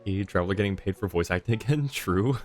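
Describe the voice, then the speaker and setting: A man with a low voice talks fast, giving casual, reactive live commentary as a game streamer in an informal manner. Game music plays beneath his voice.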